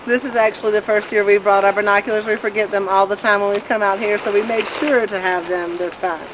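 A woman in her thirties chimes in with a chatty, agreeable manner, her high voice staying fairly flat in tone. She stands outdoors by a river in a mountain valley, with faint outdoor noise behind her. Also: quick pace. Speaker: vlogger, mother. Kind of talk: casual outdoor chat. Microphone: camera a few steps away.

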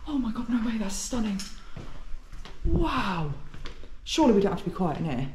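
A woman vlogging while sneaking through an abandoned hospital, nervous and often whispering, excited by what she finds. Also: mid-range voice, moderate pace. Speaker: urban explorer vlogger. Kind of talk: hushed exploring vlog. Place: large abandoned hospital, indoors. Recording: echoey halls with background noise.

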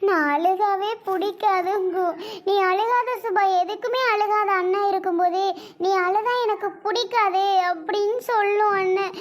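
Woman doing a sobbing young sister in a family skit, very high and tearful, wailing. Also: steady tone, moderate pace. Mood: weeping. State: crying. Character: heartbroken young sister abandoned by her brother.

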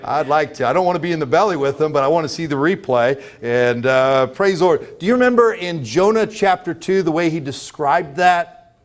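Standing at the pulpit of a church sanctuary, a middle-aged American man delivers a sermon with brisk energy and a voice on the high side. He hammers his points through repetition and rhetorical questions to the congregation.

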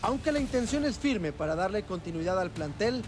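A man's voice: sits high, very animated, a little fast. A man reading a scripted sports report as voice-over. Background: music.

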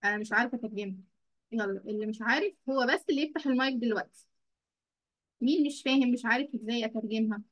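A woman's voice: fairly high pitch, low-quality recording. Egyptian woman teaching kids online. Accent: Egyptian Arabic. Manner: praising pupils, drawing out English words slowly.

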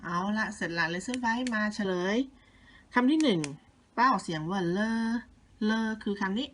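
A woman's voice: mid-range voice, fairly bright tone, a little hiss or hum. A middle-aged woman teaching young children, reading out words for a listening test and then patiently going over the answers. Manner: slow, patient, repeats each word twice, stretches out sounds; coaxing and motherly toward the children.

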